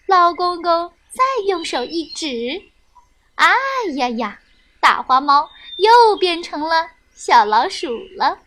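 A woman narrating a children's story, slow and expressive, speaking to young listeners. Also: very high voice.

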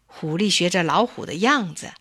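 A woman reading a children's story aloud in clear, expressive storybook narration. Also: fairly low pitch, moderate pace, no echo, studio quality.

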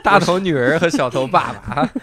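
A man's voice: on the high side, brisk, over a noisy crowd. A man hosting a podcast, chatting casually and teasing his guests with frequent laughter. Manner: joking, laughs often, lively teasing. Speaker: podcast host. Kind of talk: casual chat.

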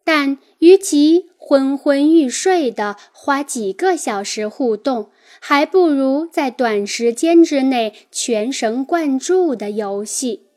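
A woman narrating a nonfiction book in a calm, measured first-person reading. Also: high voice. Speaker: audiobook narrator.

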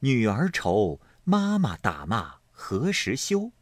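A man voicing a teasing young singing girl who chants and sings slowly, in a story reading. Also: lowish voice, wildly swooping pitch, no echo, full character voice. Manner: slow sing-song chanting.

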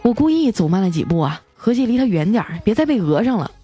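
A woman hosting a radio show, telling comic jokes in an animated storytelling way and playfully acting out the people in her stories. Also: medium pitch, fast talker, breathy edge, faint music behind.

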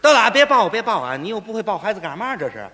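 A man's voice: sits high, sing-song, fast talker, background noise, voice pushed down. A man playing a scolding mother with a Tianjin accent, in a comedy routine. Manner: nagging, scolding. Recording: long hall reverb.

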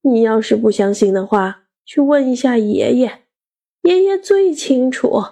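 A woman's voice: a little high, lively intonation, unhurried, mellow, slightly rough, full character voice. A woman voicing a playful grandmother who teases with mock seriousness. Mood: teasing.

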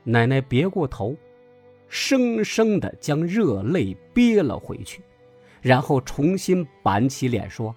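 A man giving a scripted narration of a story in a measured, expressive way. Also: medium pitch. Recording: dry close voice over faint music.

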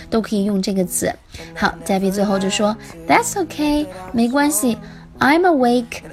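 A bright-voiced woman teaching English. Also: a little high. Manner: explains phrase by phrase, repeating English lines. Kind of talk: language lesson explanation.

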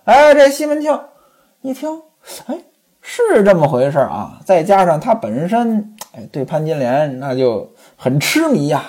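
Brief: woman oral storyteller, husky, mellow, very animated pitch, talks to listeners. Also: unhurried. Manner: lively, addresses listeners directly.

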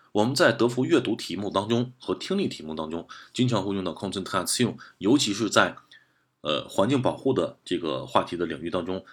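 A man's voice: sits low, fairly bright tone, husky. A man teaching German vocabulary in a methodical lesson, repeating and rephrasing each point. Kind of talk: explanatory lesson.

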